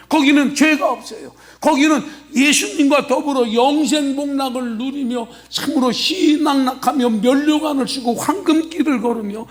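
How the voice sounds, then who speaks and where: A man preaching a Sunday sermon as senior pastor, emphatic, bursting into shouts and checking with the congregation. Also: very high voice. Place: church sanctuary.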